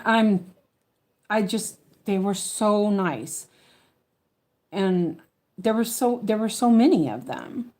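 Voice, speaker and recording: A woman with a lisp that slurs her s toward sh, chatting casually and haltingly as she stitches, often correcting herself and thinking aloud. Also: medium pitch, darkish tone. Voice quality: lisp, slushy sh for s. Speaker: craft streamer. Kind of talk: casual rambling chat while stitching.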